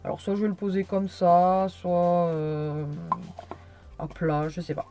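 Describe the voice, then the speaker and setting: A woman's voice: lowish voice, fairly even intonation, measured pace, warm tone, soft background music. A tired young woman chatting through a casual haul video, rambling and hesitant with many fillers. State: tired, yawning. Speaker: vlogger.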